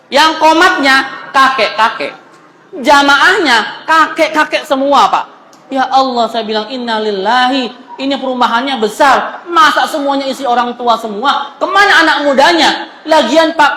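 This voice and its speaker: A man's voice: very high-pitched, bright, forceful tone, roomy sound, long reverb tail, slight background noise, poor audio. A male preacher giving a humorous, colloquial sermon in a mosque, joking with and addressing the audience directly. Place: mosque hall.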